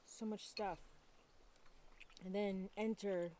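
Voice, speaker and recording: A woman's voice: medium pitch, steady tone, dark tone, a little hiss or hum. A woman, chatting in an upbeat, casual way on a vlog. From Canada. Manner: chatty, upbeat, quick to laugh. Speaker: vlogger. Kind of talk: casual chat. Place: countryside home, birds around.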